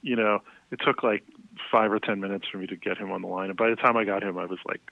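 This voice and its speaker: A man's voice: fairly low pitch, steady tone, fast, creaky, dry recording. Rambling man on a tinny phone line. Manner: rambling, many fillers, laughs often. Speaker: music journalist. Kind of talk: casual podcast chat.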